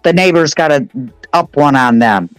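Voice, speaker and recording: A woman's voice: low voice, lively intonation, moderate pace, dry recording, faint music behind, rough recording. A woman chatting casually as a guest, joking and telling gossipy stories. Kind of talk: casual chat. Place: home in Connecticut.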